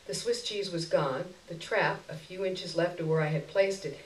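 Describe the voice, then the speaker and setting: On a roomy indoor stage, a woman reads a short story aloud expressively as a performance, in a lowish voice at a moderate pace. The recording has a roomy echo and was captured far from the microphone.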